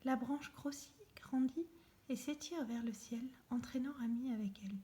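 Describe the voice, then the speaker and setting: A woman reading a children's story aloud, soft and often near a whisper. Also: fairly high pitch, normal speed.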